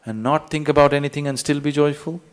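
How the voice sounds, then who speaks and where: A man's voice: fairly high pitch, steady tone, fast, clean tone. Emphatic man asking rhetorical questions. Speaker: spiritual teacher. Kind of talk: spiritual talk to an audience.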